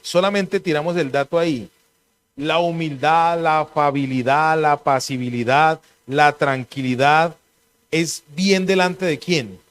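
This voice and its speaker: Pastor preaching, lively questions. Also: male voice, a little high. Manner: conversational preaching with rhetorical questions. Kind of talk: sermon.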